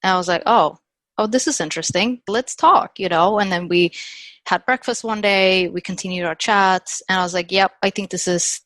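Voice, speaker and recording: A woman in her thirties, from Sweden, telling her story as a podcast guest in a chatty, animated way. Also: medium pitch, normal speed, dry recording. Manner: chatty, animated retelling with quoted dialogue and frequent "like". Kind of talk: casual storytelling interview.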